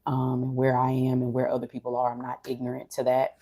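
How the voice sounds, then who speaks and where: Low, unhurried, mellow voice, even and subdued. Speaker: streamer or vlogger. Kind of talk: casual reflective monologue to an audience.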